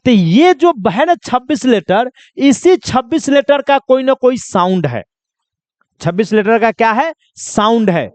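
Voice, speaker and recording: A man's voice: very high voice, very animated, measured pace, no room sound. A man from India teaching a basic language lesson to children, repeating each question and answering it himself. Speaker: English teacher.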